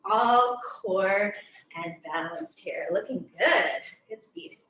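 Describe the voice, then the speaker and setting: A woman's voice: medium pitch, lively intonation, slow, pushed and bright. A young woman fitness instructor, a little out of breath, counting down and calling out moves to her class. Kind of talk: cueing a workout class. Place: gym studio. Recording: echoey room from far off.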